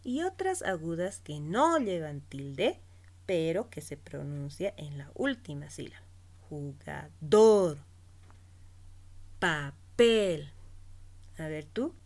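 A woman teacher slowly giving a spelling lesson to children, stretching out each example word. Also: sits low, sing-song, darkish tone. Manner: slow, stretched-out teaching voice, pronouncing words syllable by syllable.

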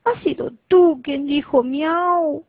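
A woman's voice: high voice, takes it slowly, no echo, voice pushed up. Woman doing Lalo, an eager little puppy. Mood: curious. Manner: earnest, questioning. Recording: tinny phone-like recording.

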